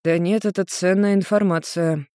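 A narrator voicing a confused blond male demon who speaks softly and wryly. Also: mid-range voice, fairly even intonation, moderate pace, no echo, studio quality, close to an everyday voice.

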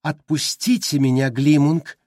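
A man voicing a giant female dragonfly who pleads loudly to be set free, with a husky voice. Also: fairly even intonation, unhurried, dry recording, clean studio sound, close to an everyday voice. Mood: pleading. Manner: high, loud, begging.

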